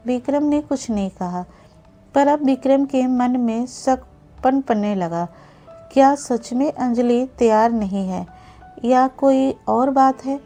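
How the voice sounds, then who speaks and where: A woman telling a written story in a calm, steady manner, her voice a little high and her pace very slow. The tone is mellow and soft-edged, with faint music playing behind her. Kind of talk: scripted story narration. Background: faint background music.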